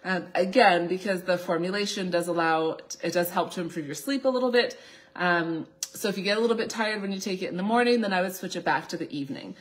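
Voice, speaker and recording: A woman's voice: fairly low pitch, fast talker, rough recording. A woman in her thirties with a slight cold, explaining things as a doctor on an informal live Q&A. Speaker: naturopathic doctor hosting a live Q&A. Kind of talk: informal live question-and-answer talk. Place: small indoor office, seated at a desk.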